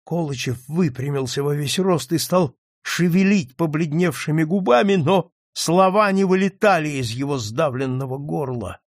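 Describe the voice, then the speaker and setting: A man's voice: a little high, normal speed, few pauses, no room sound, studio quality. A man narrating an audiobook in a dramatic reading style. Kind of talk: scripted narration.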